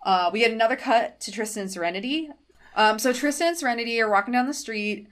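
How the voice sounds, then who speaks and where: Animated woman recapping on a podcast. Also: fairly high pitch, fast. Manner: animated, acts out quoted lines in bursts. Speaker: podcast co-host.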